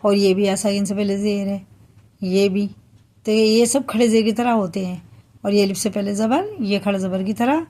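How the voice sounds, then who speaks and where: A woman teaching the rules of Quran recitation, explaining patiently and then reciting verses slowly and drawn out, often checking that listeners follow. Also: mid-range voice, steady tone, mellow. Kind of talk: tajweed lesson with slow recitation.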